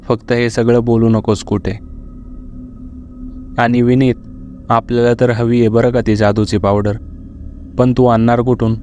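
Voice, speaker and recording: A man's voice: medium pitch, little pitch movement, measured pace, long pauses, dark tone, a little hiss or hum, close to an everyday voice. A man voicing a laid-back, sly young male roommate in a storybook reading, talking casually.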